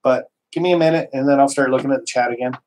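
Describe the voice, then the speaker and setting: A man's voice: mid-range voice, fairly even intonation, very fast, a little mellow, a little hiss or hum, poor audio. A man hosting a casual live stream, worked up and emphatic, rambling with restarts and mild swearing, from Canada.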